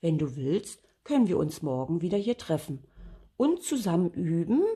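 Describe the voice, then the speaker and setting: A woman's voice: lowish voice, big pitch swings, normal speed, breathy edge, exaggerated voice. An older woman voicing a cheerful, bold little girl dragon in a storybook reading. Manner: bright, friendly and forthright.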